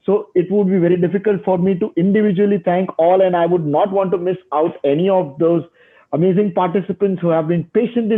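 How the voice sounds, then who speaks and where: A man delivering an effusive, repetitive formal vote of thanks as organizer. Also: high voice. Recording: tinny phone-like line.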